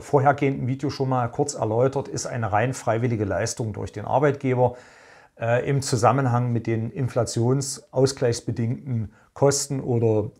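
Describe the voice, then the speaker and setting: A man's voice: mid-range voice, a little mellow. A man, a lawyer and pension advisor, explaining a legal question in a formal way with frequent hesitations. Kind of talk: explanatory video on pension law.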